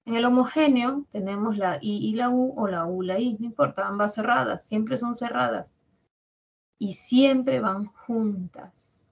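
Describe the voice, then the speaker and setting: A woman from Peru with a Peruvian Spanish accent, a language teacher giving a classroom lecture and slowly sounding out example words syllable by syllable. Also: fairly high pitch, gravelly, lo-fi sound. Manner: explains patiently, drawing out example words syllable by syllable.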